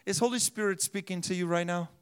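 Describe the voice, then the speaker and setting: A man with a high, smooth voice preaches quickly as a pastor. His sermon, in slightly broken English, is full of restarts and shifts from loud, forceful shouts down to quiet.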